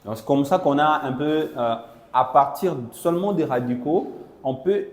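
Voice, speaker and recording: A man's voice: a little high, normal speed. A man interpreting a Chinese lesson into French for a class, explaining patiently and checking that students follow. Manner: explanatory, checks understanding with "non?" and "voilà". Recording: echoey classroom with long reverb.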